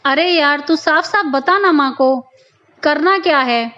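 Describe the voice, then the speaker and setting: A sly grown son, as a woman storyteller does him talks his mother round in a smooth, coaxing way. The voice stays very high and slow. The recording sounds a little dull. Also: pushed and bright.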